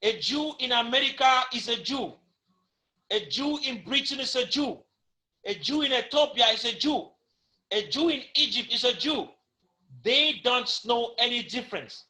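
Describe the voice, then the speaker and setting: Speaking at a normal speed with lively intonation, this man has a very high, bright, forceful voice. He addresses the camera passionately on a talk show, using a preachy, emphatic rhythm and plenty of repetition.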